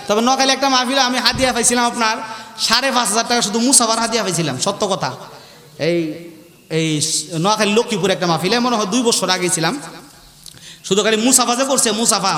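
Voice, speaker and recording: A man's voice: high voice, bright, forceful tone. A male preacher giving a sermon at a large religious gathering, calling out questions to the crowd and mimicking regional dialects. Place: large gathering under a tent. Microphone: handheld or stand microphone with PA. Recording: echoey PA sound in a big space.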